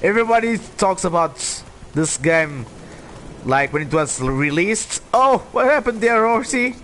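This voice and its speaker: Casting: playful male streamer, fairly high voice, lively intonation, casual gameplay chat. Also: unhurried. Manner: playful, chatty. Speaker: game streamer. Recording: clear background game noise. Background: game ambience.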